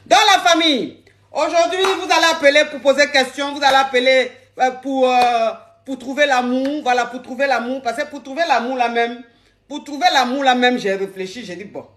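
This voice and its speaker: A woman's voice: sits high, moderate pace, fairly bright tone. A woman hosting a live call-in advice stream, playful and repeating her phrases.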